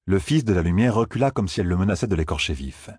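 A man narrating an audiobook in a measured storytelling manner, close to the mic. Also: deep voice, expressive, darkish tone, husky, no echo. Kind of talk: scripted narration.

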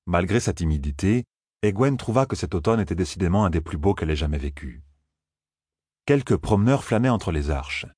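Low, husky man narrating. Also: no room sound, studio quality. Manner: calm, measured storytelling. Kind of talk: audiobook narration.

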